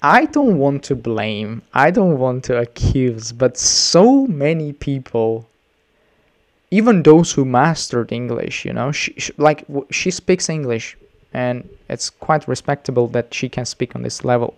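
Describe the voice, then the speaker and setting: A man's voice: medium pitch, expressive, unhurried. Rambling man giving reaction commentary. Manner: rambling, with many restarts and fillers. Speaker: English teacher.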